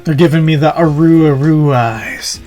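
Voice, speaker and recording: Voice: mid-range voice, moderate pace, warm tone, faint music behind. A co-host chatting over a video game, answering with dry quips and short comebacks. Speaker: let's play co-host. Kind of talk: casual gaming commentary.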